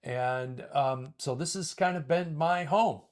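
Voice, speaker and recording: A man's voice: on the high side, takes it slowly, a little mellow. A man in his fifties from Michigan co-hosting a podcast in upbeat, loose casual chat, often restarting his sentences. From Traverse City, Michigan, US. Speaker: podcast co-host.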